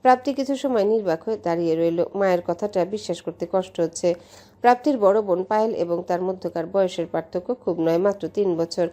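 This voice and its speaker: A woman from Bangladesh narrating a romance story in a steady, measured way. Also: fairly low pitch. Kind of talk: audiobook story reading.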